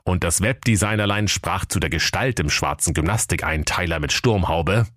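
Brief: low male narrator, mock-solemn comic fairy tale, dry close sound. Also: moderate pace, a bit bright, dry recording.

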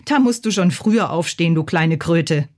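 A woman's voice: lowish voice, animated, normal speed, a little mellow, close to an everyday voice. A woman reading a storybook aloud, voicing a teenage vampire boy who teases his little sister smugly. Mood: mocking. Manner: teasing, smug. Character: teenage vampire boy, mocking older brother.

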